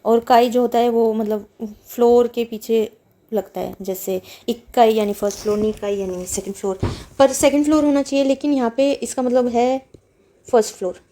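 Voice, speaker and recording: A woman teaching Japanese vocabulary step by step, reading each word and then explaining its meaning. Her voice sits a little high but has a mellow, soft tone. She talks patiently and repeats words to make them clear. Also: fairly even intonation, moderate pace. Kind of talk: explaining a textbook lesson.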